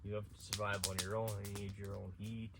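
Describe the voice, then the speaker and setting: A man's voice: fairly low pitch, completely flat delivery, a little fast, gravelly, very noisy. Rambling man from Saskatchewan, outdoors. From central Saskatchewan, Canada. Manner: rambling, with restarts and chuckles. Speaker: outdoor vlogger. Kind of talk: casual storytelling. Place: outdoors at night at an abandoned school.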